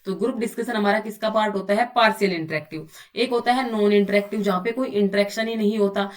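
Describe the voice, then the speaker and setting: A woman's voice: mid-range voice, fast, distant mic. A woman teaching an online exam-prep class. She keeps asking her students rhetorical questions and answers them herself. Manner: often says "bhai" to students. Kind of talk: recorded online lecture.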